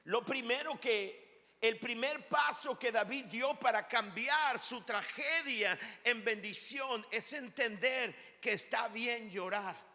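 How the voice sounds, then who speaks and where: High-voiced pastor preaching in a reverberant hall. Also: male voice. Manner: emphatic preaching with slow drawn-out phrases and sudden shouts. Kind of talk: sermon.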